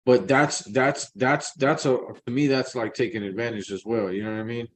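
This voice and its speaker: A middle-aged man in casual discussion, halting and repeating words as he explains with examples in colloquial street slang. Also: mid-range voice, steady tone, a little hiss or hum.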